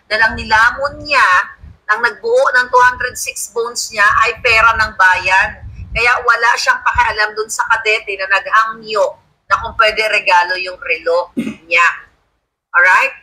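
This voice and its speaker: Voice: medium pitch, bright, forceful tone, husky, poor audio. A livestream host giving scornful, combative political commentary and reading viewer comments aloud. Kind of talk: casual live commentary. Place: home studio.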